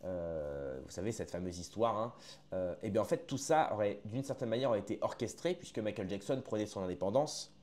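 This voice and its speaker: A man's voice: lowish voice, lively intonation, fairly quick, a little mellow. Chatty man commenting casually to viewers. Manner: chatty, addresses viewers as friends, hesitant with restarts. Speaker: online commentator.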